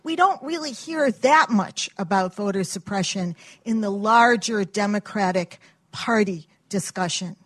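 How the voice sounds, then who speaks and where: A woman journalist asking a question from the audience, measured and a little halting. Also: medium pitch, breathy edge, no echo. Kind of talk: audience question at a live event.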